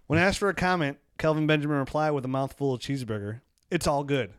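A man on a podcast, chatting casually about football in a slightly high voice. His joking, rambling talk is recorded close and dry, with no room sound. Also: clean tone, no room sound. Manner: joking, rambling, quick to roast players. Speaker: podcast co-host. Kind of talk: casual fantasy football chat.

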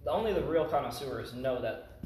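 A man's voice: medium pitch, expressive, a little fast, darkish tone. A young man in casual podcast banter, joking and playful. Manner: joking, playful, laughs often. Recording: echoey room, distant mic, noisy.

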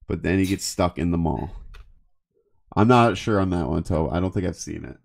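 A man co-hosting a podcast, chatting casually about anime with a rambling, halting delivery. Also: deep voice, gravelly, darkish tone. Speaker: podcast co-host.

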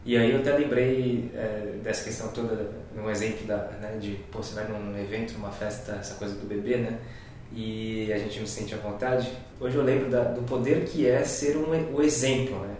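A Brazilian man talks things through in a relaxed, halting way, often checking in with tag questions. He sounds set back from the mic in a very echoey room. A low rumble hums faintly beneath him. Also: recorded from a distance. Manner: hesitant, frequent tag questions, grows amused while telling anecdotes. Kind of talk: casual reflective conversation.

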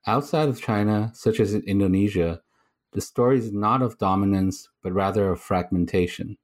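Male podcast host, low voice, measured reads, stop-start questions. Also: darkish tone. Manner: measured reading, halting when asking questions. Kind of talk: read intro then interview questions.

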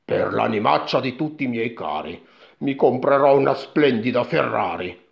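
A man voicing a bossy, scolding old mother in a storybook reading, with a sharp, nagging delivery, on a dull lo-fi recording. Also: mid-range voice, lively intonation, normal speed, creaky.

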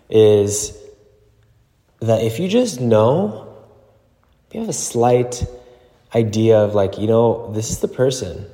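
A man with a slightly low, somewhat mellow voice hosts a show by thinking aloud. He talks casually and haltingly, with no script. His voice rings around an echoing gym with a long reverberant tail. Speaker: podcast host and relationship coach. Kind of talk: casual solo talk, unscripted.

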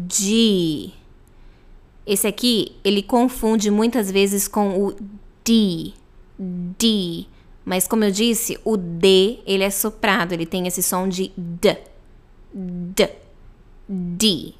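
A young adult Brazilian woman with a Brazilian Portuguese accent, teaching pronunciation on a podcast and repeating each letter patiently. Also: mid-range voice. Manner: drawn-out model letters, patient repetition. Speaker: English teacher. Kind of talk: slow podcast pronunciation lesson.

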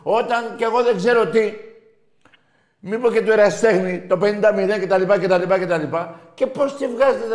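A man hosting a call-in sports radio show, loud and mocking as he argues with callers. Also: high-pitched, roomy sound. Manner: loud, shouting and mocking rival fans. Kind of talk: heated call-in sports banter.

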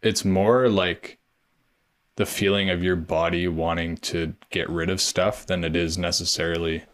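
A man hosting a casual conversation, relaxed and supportive in an easygoing way. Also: sits low, unhurried.

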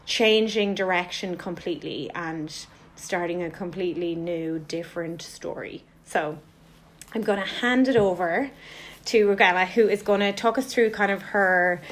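A woman hosting a podcast interview in a casual chat, bubbly and excitable, laughing often. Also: lowish voice, moderate pace. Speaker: podcast host. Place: Kent, United Kingdom.

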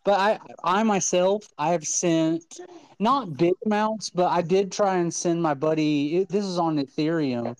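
Co-hosting an online crypto audio talk show, a man chats casually, enthusiastically and persuasively, restarting his sentences often. His voice is high-pitched, unhurried and clean in tone, but the audio is poor.

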